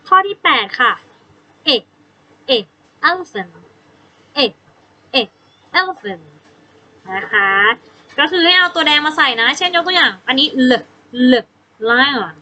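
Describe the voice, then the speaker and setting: A woman with a Thai accent teaches children English in a slow, patient way, repeating words and sounding out their first letters. Her voice sits high and bright. A faint background noise runs under the recording. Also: poor audio. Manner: spells out words sound by sound, gentle prompting questions. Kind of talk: slow, patient classroom instruction.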